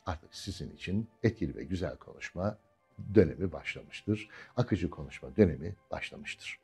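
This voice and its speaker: A man teaching a diction lesson, reading a practice story aloud and stopping to explain stress and pronunciation, drawing words out slowly to demonstrate. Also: lowish voice, warm tone, husky.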